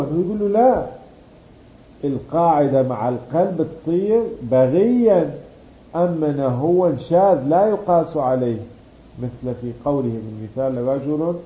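A man teaches a grammar lesson in a deep, mellow voice that is dark rather than bright. He explains patiently, stretching out key words and answering the questions he poses himself. The recording is roomy and dull, with a faint hum behind him.

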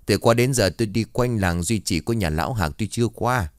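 A man's voice: on the low side, no room sound, studio quality, close to an everyday voice. A man voicing a middle-aged village woman anxiously searching for her missing husband. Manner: anxious, hurried.

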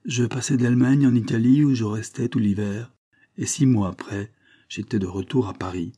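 A man reading a classic literary story aloud in a measured, storytelling manner. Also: medium pitch, steady tone, warm tone. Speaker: audiobook reader. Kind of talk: scripted narration of a 19th-century story.

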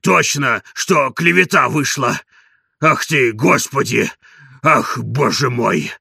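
A man voicing an old male servant who fawns and fusses, with a wheezing, hoarse voice, in an audiobook. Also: medium pitch, takes it slowly, pushed and bright, no room sound, clean studio sound, heavily acted. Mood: repentant. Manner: bowing and scraping, fussy.

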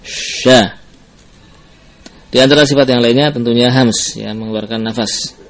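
A man's voice: mid-range voice, steady tone, fairly quick. A man teaching Quran recitation who explains each sound and drills it over and over, mixing in Arabic terms. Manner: patient, demonstrates letter sounds over and over. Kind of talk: tajwid lesson with drills.

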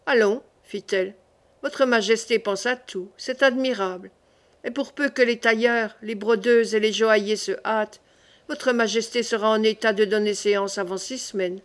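A cool, scheming older queen mother, read by a woman, who weighs each word and probes with questions. The voice is slightly high. It is a plain storybook reading. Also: fairly even intonation, normal speed, natural voice. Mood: measured.

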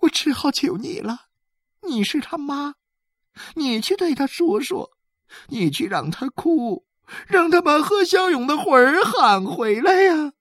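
A woman's voice: high-pitched, very animated, no echo, voice pushed up. A woman doing a weeping, desperate village woman. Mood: tearful pleading. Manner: wailing, drawn-out begging.

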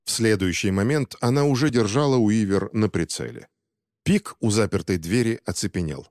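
Low-voiced man reading an audiobook. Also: lively intonation, normal speed, darkish tone, no echo, studio quality, big-room sound. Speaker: audiobook narrator. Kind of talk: scripted narration.

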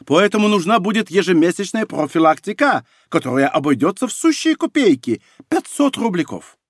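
A man's voice: sits high, big pitch swings, a little fast, dry recording, clean studio sound, pitched above the performer's own voice. A man voicing a boastful, lying French chatterbox with a glib sales patter, in an audiobook. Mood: hustling.

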